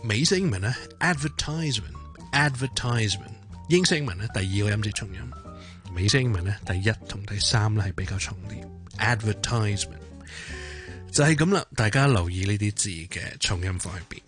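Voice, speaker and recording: A man's voice: lowish voice, very animated, quick pace. Hong Kong Cantonese man over music. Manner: theatrical, demonstrates words by repeating them. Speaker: English pronunciation segment presenter. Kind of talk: upbeat scripted radio language tip. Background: background music.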